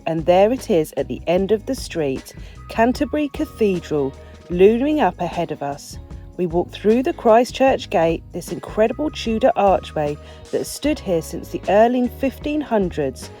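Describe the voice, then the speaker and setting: Female narrator, mellow, descriptive voice-over, light music bed. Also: medium pitch, big pitch swings, measured pace. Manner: wonder-filled, descriptive. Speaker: vlog narrator. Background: faint music.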